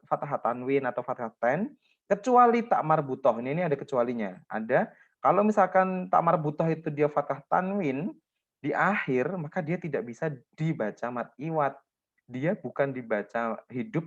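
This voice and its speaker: A man teaches a class the rules of Quran recitation, walking through examples and stopping often to check that his students follow. His voice sits at an ordinary middle pitch. The recording is a little dull and lo-fi. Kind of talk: classroom lesson on tajwid rules.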